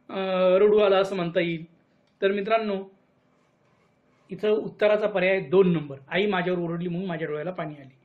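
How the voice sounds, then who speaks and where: A man's voice: high-pitched, highs cut off. A male teacher going through a worksheet, reading the questions and choices aloud and calling the viewers his friends. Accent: Marathi. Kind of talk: worksheet explanation lesson.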